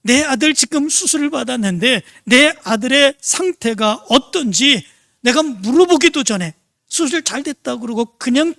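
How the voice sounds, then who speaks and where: A frantic, furious father bursts out in accusing shouts, his voice gravelly and dry, put on by a preacher telling the story. He talks over everyone, demanding answers, and is close to the mic. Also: high-pitched, no echo, exaggerated voice. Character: angry father of a boy in surgery.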